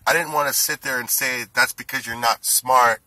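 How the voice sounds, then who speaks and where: A man's voice: medium pitch, steady tone, moderate pace, bright, forceful tone, no room sound, low-quality recording. Forties male, indignant ranting vlogger, tense edge, dry close sound. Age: 40s. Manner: indignant, ranting, rising heat. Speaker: food delivery driver. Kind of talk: angry monologue to camera.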